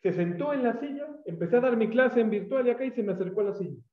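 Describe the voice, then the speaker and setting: Male pastor, Mexican Spanish accent, high-pitched and animated, story-driven sermon; echoey, tinny phone-quality sound. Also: fast talker. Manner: animated, acts out quoted voices. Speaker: pastor and teacher.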